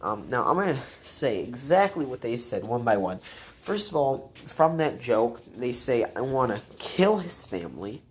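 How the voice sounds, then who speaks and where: A young woman with a strikingly low voice tells a story for her vlog. She rambles, swears freely, and keeps restarting her sentences around fillers like "um" and "you know.". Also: very animated, measured pace, slight background noise. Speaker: vlogger.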